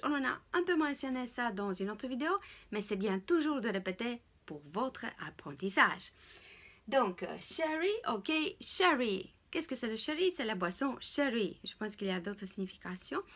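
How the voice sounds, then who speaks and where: A woman, teaching English pronunciation in a casual, hesitant way and repeating words slowly. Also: on the high side, fairly bright tone. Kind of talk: casual spoken lesson.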